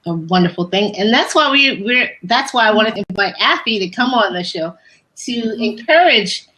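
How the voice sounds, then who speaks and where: A woman's voice: mid-range voice, expressive, moderate pace, slight background noise, low-quality recording. A woman from the United States hosting a casual interview, telling stories about faith and travel with frequent restarts. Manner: warm faith-based storytelling with many restarts. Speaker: host.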